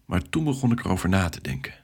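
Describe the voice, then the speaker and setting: Speaking as the hero of a children's tale, a male narrator recounts the story in first person from a script. His voice is husky and fairly low, and he delivers it very animatedly and at a fast clip.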